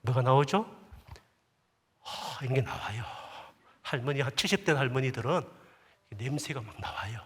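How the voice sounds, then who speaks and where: A man's voice: medium pitch, lively intonation, moderate pace, pauses often, a bit bright, breathy edge. A male pastor preaching a sermon, telling stories with humor and frequent asides to the congregation. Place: church sanctuary at a prayer service. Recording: long church hall reverb.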